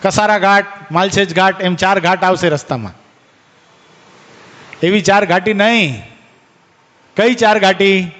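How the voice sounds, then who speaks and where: High-voiced preacher, echoing hall. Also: male voice, a little slow, long pauses, fairly bright tone. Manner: questions and teases listeners by name. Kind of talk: devotional discourse to a gathering.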